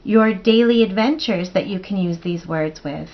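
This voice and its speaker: Woman teacher, expressive picture-book reader for children, mid pitch, muffled lo-fi recording. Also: moderate pace. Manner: expressive, playful storytime reading with counting.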